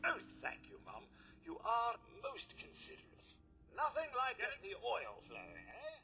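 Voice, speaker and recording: An actor voicing an old rusty British robot butler, polite and fussy, with a theatrical delivery and robotic processing. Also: male voice, very high-pitched, huge pitch swings, normal speed, creaky, slight background noise, full character voice. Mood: grateful. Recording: game audio with loud music.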